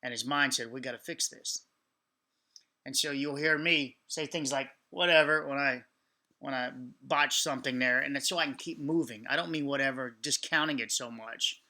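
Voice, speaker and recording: A man hosting a reaction video, giving off-the-cuff explanatory commentary with halting, repetitive phrasing. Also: medium pitch, fairly even intonation, bright, forceful tone.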